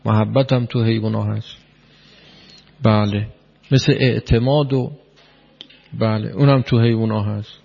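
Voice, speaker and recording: Gravelly guy lecturing, keeps repeating key words and asking the room questions, muffled lo-fi sound with long echo. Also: fairly low pitch, fairly even intonation, pauses often, darkish tone. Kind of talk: spoken lecture to an audience. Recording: long hall reverb, dull lo-fi sound.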